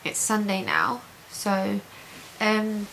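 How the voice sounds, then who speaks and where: Chatty and positive, a woman gives an informal video diary update to camera, sounding reassured and repeating intensifiers. Her mid-range voice is sing-song, extremely slow and a bit bright, and the hissy home recording has poor audio.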